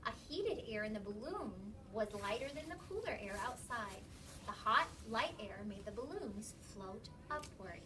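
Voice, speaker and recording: In a classroom recorded from a distance, a woman teacher with a fairly high, animated voice reads to young children at normal speed. Between passages she explains and checks understanding with questions and repeated "okay"s, over background classroom noise.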